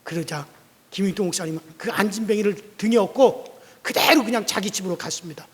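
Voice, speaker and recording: A man's voice: sits high, brisk. A male pastor telling a story in a sermon in a church sanctuary, vivid and dramatic. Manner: vivid storytelling, acting out quotes loudly. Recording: long church reverb.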